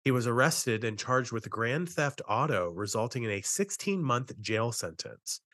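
A man with a mid-pitched voice co-hosts a true-crime podcast. He talks through the case conversationally, in a dry recording free of room echo. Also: big pitch swings, normal speed, pushed and bright.

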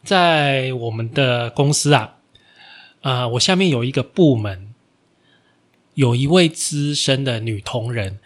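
A man hosts a podcast, his voice sitting at a middle pitch for a man. He tells a family story in a relaxed, chatty way, dotting his lines with fillers and soft particles. Now and then he raises his voice to act out how he scolded his son. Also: takes it slowly. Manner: chatty, many fillers and sentence-final particles; acts out his own stern scolding in a raised voice. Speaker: podcast host. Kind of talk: casual storytelling monologue.

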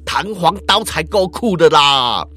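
A man's voice: on the high side, animated, sharp tone, full character voice. A man voicing a sleazy, taunting male street thug, mocking and threatening. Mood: menacing. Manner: jeering, drawn-out mocking taunts.

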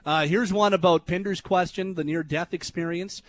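A young adult man hosting a radio show, telling a story in an animated way that turns loud and high when he retells his anger. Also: moderate pace. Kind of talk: casual storytelling on talk radio. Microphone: studio microphone.

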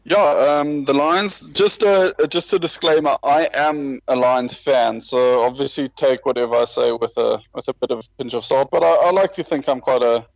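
A man's voice: medium pitch, normal speed, gravelly, hardly any pauses, no echo, highs cut off. A man talking rugby in a casual, rambling way, with many restarts and self-deprecating asides. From South Africa. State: parent with a baby nearby. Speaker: rugby podcast panelist. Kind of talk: casual chat.

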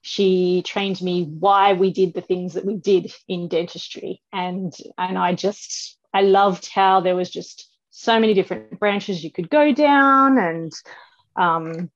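A woman's voice: fairly low pitch, slow pace, no room sound. A dry, slightly muffled recording of a woman with an Australian accent. She is a podcast guest, telling her story in a loose, informal, rambling style. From Western Australia. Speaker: podcast guest, dental professional. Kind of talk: casual interview storytelling.

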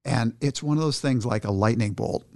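A man's voice: mid-range voice, normal speed, vocal fry, dry recording, studio quality. A man telling a story in casual conversation, animatedly acting out the people he quotes. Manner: animated, acts out quoted voices. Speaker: guest entrepreneur.

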